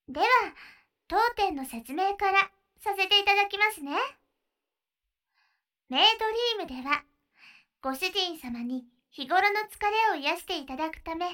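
A woman voicing a sweet, very high-pitched café maid. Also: heavily acted. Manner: polite and honorific, gently guiding. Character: sweet, attentive young maid serving her master. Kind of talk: ASMR roleplay.

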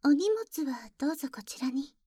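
A woman's voice: high voice, lively intonation, unhurried, dry recording. Woman as a whispering jealous young maid. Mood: polite. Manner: soft ear-close whispering; very formal, deferential speech with teasing jabs. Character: polite, jealous young maid who calls herself boku. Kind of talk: ASMR roleplay audio drama.

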